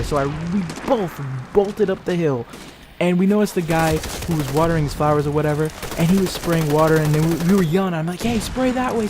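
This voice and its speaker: A young man spins a rambling, profanity-laced story with lots of restarts and fillers. His voice sits a little higher than most men's. A faint hiss of noise runs under the recording. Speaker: channel creator. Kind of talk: casual storytelling.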